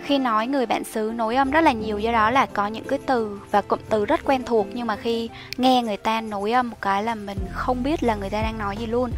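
Young female tutor, slightly high-pitched, casual explanatory delivery, faint music underneath. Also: steady tone, fast talker, hardly any pauses. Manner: chatty, explanatory, with soft fillers. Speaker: IELTS teacher. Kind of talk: study tips tutorial. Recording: soft music behind the voice.

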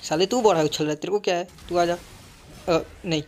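A young man commentating his own mobile game live, excitable and talking to himself with frequent mild swearing. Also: sits high, normal speed. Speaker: gaming streamer.

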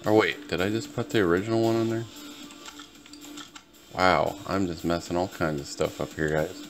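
Over soft background music, a man with a low, steady voice and moderate pace commentates on gameplay for his viewers as a gaming video host. He's tired from just waking up, easygoing, and prone to rambling.

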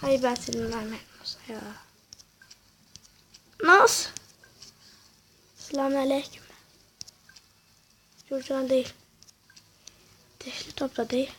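A woman giving casual, excitable, slangy commentary while playing a video game, talking to herself. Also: high voice, measured pace, pauses often, slight background noise. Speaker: gamer.

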